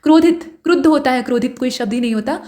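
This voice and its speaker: A woman with a high, dark-toned voice talks fast while teaching an exam-prep lesson. She patiently goes through wrong and right spellings one at a time, explaining step by step and correcting each wrong form.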